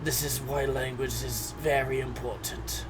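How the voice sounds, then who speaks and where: A man's voice: medium pitch, flat delivery, unhurried, crowd noise, natural voice. A man playing a prim, timid sheltered adventurer. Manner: formal, polite, hesitant. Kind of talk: tabletop role-play. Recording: noisy background hum.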